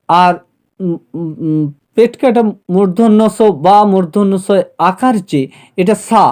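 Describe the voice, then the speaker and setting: A man giving an exam-prep lecture, explaining slowly with many fillers and pauses. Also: very high-pitched, a little mellow. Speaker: teacher.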